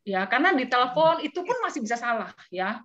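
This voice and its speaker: A woman hosting an online business talk, telling stories in an animated, chatty way to her audience. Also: on the high side, fast, lo-fi sound. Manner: animated storytelling with chatty asides. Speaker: business mentor and webinar host.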